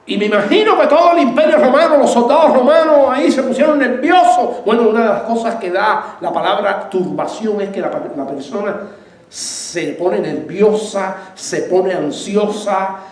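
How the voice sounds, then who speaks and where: High-voiced preaching pastor, echoey room. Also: male voice, a little fast, hardly any pauses. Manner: asks the congregation questions and answers them; lively preaching with laughs and raised voice. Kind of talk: sermon.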